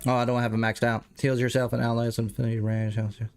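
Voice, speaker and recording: A man's voice: mid-range voice, little pitch movement, fast talker, a little mellow, clear, resonant tone, faint music behind. Stuffed-up man rambling on a game stream. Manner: rambling, self-correcting, chatty with viewers. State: stuffed up, clearing throat. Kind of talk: casual livestream commentary.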